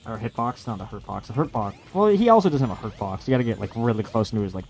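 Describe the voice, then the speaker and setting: A man's voice: mid-range voice, lively intonation, racing, a little mellow. A man hosting a let's play with casual, sarcastic, sweary commentary and plenty of complaints. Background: video game music.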